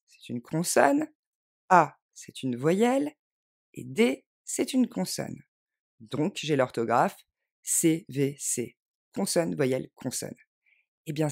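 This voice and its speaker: Gravelly-voiced woman teaching grammar. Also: fairly low pitch, darkish tone. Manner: clear, patient, spells out letters slowly. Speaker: English teacher. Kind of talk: French grammar lesson.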